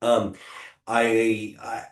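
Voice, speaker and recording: Middle-aged American man, low-ish voice, hesitant and filler-heavy, recorded in an echoey room. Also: monotone, drawn-out words. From United States. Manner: hesitant, many ums and restarts. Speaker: podcast guest, technology attorney. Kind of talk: casual interview answers.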